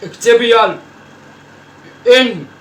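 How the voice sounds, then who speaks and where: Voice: medium pitch, takes it slowly, a bit bright. A performer playing a teasing, bossy old Egyptian grandmother who scolds her grandchildren, repeating herself in a comic family sketch. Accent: Egyptian Arabic. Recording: roomy echo, from far off, faint noise.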